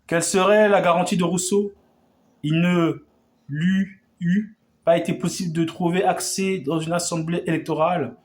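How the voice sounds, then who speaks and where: A man with a fairly high voice delivers an old revolutionary speech as oratory. He builds long rhetorical sentences and often trips over words and starts them again. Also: fairly even intonation, normal speed. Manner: oratorical, with frequent stumbles and restarts. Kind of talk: declaiming a historic revolutionary speech.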